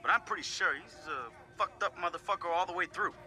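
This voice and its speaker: A high-pitched, pushed, bright male voice speaks fairly quickly as an actor plays a laid-back young hacker. In a game audio log he candidly sizes up his teammates, casual and wry with profanity, while clear music plays behind him.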